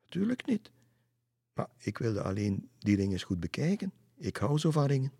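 A curious, polite young schoolgirl in a storybook, speaking, as a man reading aloud puts her on. Her voice is lifted and a little husky, recorded close and dry. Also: medium pitch, sing-song, moderate pace, dark tone, no room sound, voice pushed up, exaggerated voice.

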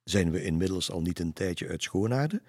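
A man's voice: low-pitched, lively intonation, normal speed, darkish tone, dry recording, clean studio sound. A man voicing a curious, polite young girl in a storybook reading. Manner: questioning, polite.

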